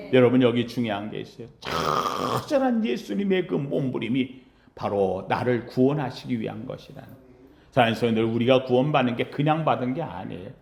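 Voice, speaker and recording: A man preaching a Sunday sermon as pastor in a church sanctuary, asking the congregation questions and answering them himself, swinging between loud cries and hushed low lines. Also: gravelly, roomy sound.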